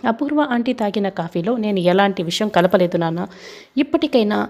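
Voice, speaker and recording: A woman with a gravelly voice voicing a determined young woman who argues insistently in a retold serial. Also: medium pitch, lively intonation, fairly quick, a little mellow. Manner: insistent, reasoning.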